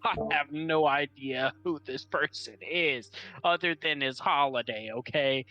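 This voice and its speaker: Male tabletop player, bright tone, unhurried, hesitant, casual improviser, light music bed. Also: on the high side, highs cut off. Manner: hesitant, casual, thinking aloud. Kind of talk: casual in-character improvised chat.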